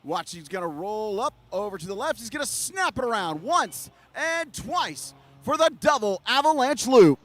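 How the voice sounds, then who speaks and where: A man giving excited live air show commentary with punchy emphasis, hyping up the crowd as announcer. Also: extremely high pitch, normal speed, hardly any pauses.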